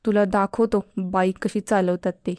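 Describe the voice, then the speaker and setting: A woman's voice: mid-range voice, steady tone, normal speed, warm tone, no room sound, studio quality, lightly acted. A woman voicing an irritated young male college student who keeps complaining, in a spoken storybook. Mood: annoyed.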